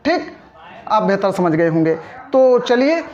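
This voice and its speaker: Slow, patient spelling teacher, lo-fi. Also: medium pitch, big pitch swings, a little mellow. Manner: patient, breaks words into syllables, asks check-up questions. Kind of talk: step-by-step spelling lesson. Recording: dull lo-fi audio.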